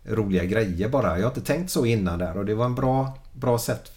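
Low-voiced man agreeing thoughtfully. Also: animated, darkish tone. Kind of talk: casual chat.

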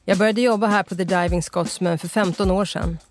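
A man's voice: sits high, steady tone, faint music behind, close to an everyday voice. A reader voicing a middle-aged Scottish pub owner, a chatty man with a Scottish accent who mixes English phrases into his talk. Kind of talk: audiobook character voice.

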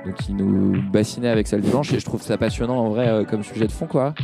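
Talking fast in a lowish, gravelly voice, a thirty-something startup co-founder from Nantes gives a casual, slangy podcast interview, hesitating and trailing off with tags. He's recorded in a large hall over music.

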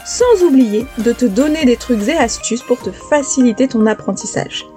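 A woman teacher reading a polished, scripted introduction to her podcast in a clear voice. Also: fairly high pitch, animated, normal speed, dark tone. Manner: clear, polished delivery over an intro jingle. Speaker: French teacher and podcast host. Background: music bed.

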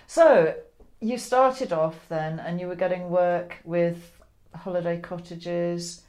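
Woman host, low voice, friendly teasing interviewer. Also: steady tone, takes it slowly. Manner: chatty, gently teasing. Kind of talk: casual interview chat.

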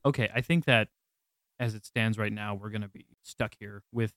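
A man's voice: on the low side, fairly even intonation, moderate pace, a bit bright, no echo, clean studio sound. A man narrating as game master of a tabletop game, laid-back and laughing often, with many fillers.

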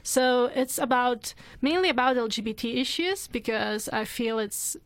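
A woman from Lithuania, a filmmaker guest on a radio show, speaking English as a second language in a soft, measured way. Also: a little high, no room sound. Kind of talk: radio interview.

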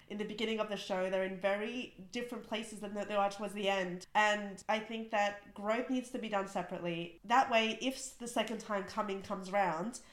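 Woman co-host, emphatic, laughs a lot, mid pitch, roomy echo on the mic. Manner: animated, laughs often, emphatic. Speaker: podcast co-host. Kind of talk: casual chat.

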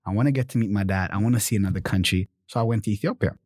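A man in his twenties, born in Germany, telling his story in a casual interview, animated, often adding "you know" and "right?". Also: fairly low pitch, racing, dry recording, studio quality. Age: 20s. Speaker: guest.

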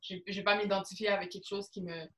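Brief: young Quebec woman, mid pitch, slangy and emphatic, recorded in a roomy, echoey space. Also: steady tone, fast talker. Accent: Quebec French. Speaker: panel discussant. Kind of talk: casual discussion. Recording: echoey room.

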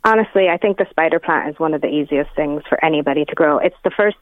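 A woman with a lowish voice speaks over a narrow phone line. Her Arizona accent carries a touch of Donegal Irish lilt. She gives plant advice in a casual, encouraging, plain-spoken way. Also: fast talker, no room sound. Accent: Arizona American with a touch of Irish Donegal lilt. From United States, Arizona. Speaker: guest plant expert. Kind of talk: casual radio interview, giving gardening tips.

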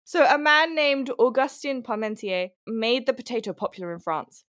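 A woman's voice: a little high, lively intonation, moderate pace, fairly bright tone. A woman in a casual podcast chat who explains facts with fillers and restarts and laughs often. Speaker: podcast co-host presenting research.

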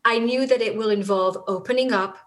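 Talking fairly quickly in a bright, higher voice, this middle-aged interview guest from Israel speaks with an Israeli accent and has Hebrew as her native language. The conversation is earnest and reflective, and she keeps restarting sentences.

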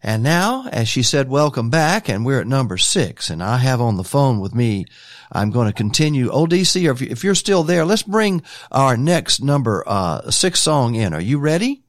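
A man's voice: medium pitch, big pitch swings, normal speed, no echo, studio quality. A man hosting a radio countdown show, chatting in a rambling, folksy announcer way. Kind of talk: casual radio chat.

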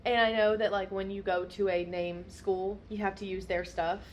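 A young woman who works as a hairstylist, talking casually on a podcast. She rambles a little, speaks bluntly and swears freely. Her pitch sits at a typical middle level for a woman. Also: level tone, moderate pace, a little hiss or hum. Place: United States.

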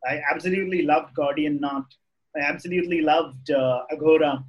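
A man with an Indian English accent talks casually as a podcast guest, sharing his opinions and often repeating and restarting phrases. His voice is a little high and husky, with a steady tone and a slightly fast pace, and the recording's highs are cut off.

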